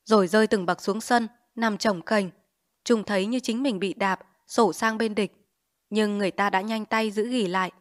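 A woman narrating a dramatized novel reading, acting out each character in a lively way. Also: medium pitch, normal speed, dry recording, clean studio sound. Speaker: audiobook narrator.

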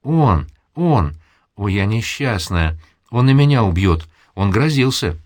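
A man's voice: on the low side, lively intonation, a little slow. A man doing a panicked young wife. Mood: terrified.

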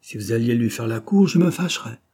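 A man voicing a jovial, boastful old bandit captain who talks in a booming, teasing, theatrical way. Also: lively intonation, a little fast, mellow, husky. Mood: mocking.

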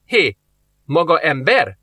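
A woman's voice: low-pitched, very animated, voice pushed up, exaggerated voice. A man reading aloud, voicing a scared but defiant young woman who snaps her answers. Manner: sharp, hissing retorts.

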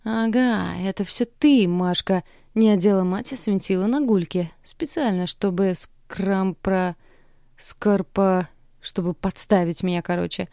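A woman's voice: mid-range voice, fairly even intonation, a little slow, mellow, clear, resonant tone, no room sound, studio quality, close to an everyday voice. A woman voicing a drunk, crude middle-aged father who slurs and growls bullying abuse. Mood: drunk, abusive.

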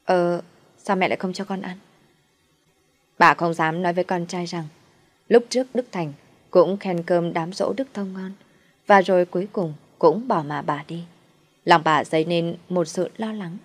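A woman narrating a dramatic family story in the first person, in a calm, measured way. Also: on the low side.

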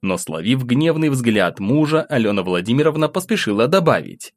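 A man's voice: mid-range voice, big pitch swings, normal speed, dry recording. A man steadily narrating an audiobook and voicing the first-person narrator.

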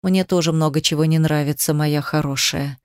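A woman's voice: steady tone, normal speed, no room sound, clean studio sound, lightly acted. A woman growling as a violent husband. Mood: menacing. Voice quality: rasping, heavy-breathing. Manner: low, threatening growl. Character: violent, menacing adult husband.

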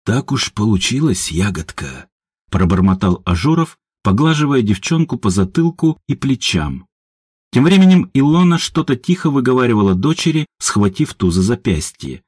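A man narrating an audiobook in an expressive, animated reading voice. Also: medium pitch, moderate pace, no echo, studio quality.

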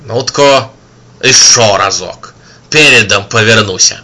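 A man's voice: lowish voice, slow pace, bright, forceful tone, full character voice. A man voicing an old wandering holy man who speaks in a folksy, sermonising cadence.

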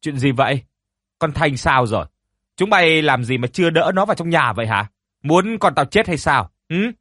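A man's voice: fairly high pitch, expressive, normal speed, a bit bright, dry recording, voice pushed up. A man voicing a harsh older landowner's wife who screams and scolds her servants. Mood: furious shrieking.

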